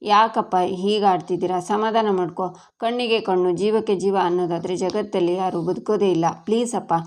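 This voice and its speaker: A woman's voice: mid-range voice, steady tone, fairly quick, darkish tone, natural voice. A woman voicing a young daughter begging her father to stop. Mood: pleading. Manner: begging, tearful pleading.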